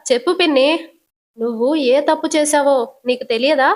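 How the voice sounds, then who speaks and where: A stern, commanding middle-aged father, as a woman narrator puts him on, voiced a touch higher than her usual pitch. He presses his questions forcefully and refuses to back down, told as a spoken storybook retelling. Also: normal speed, close to an everyday voice.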